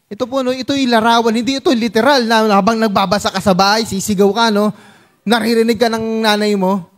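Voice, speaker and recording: A Filipino man preaching a sermon to his congregation in a playful Taglish style, acting out small scenes. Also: sits high. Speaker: pastor.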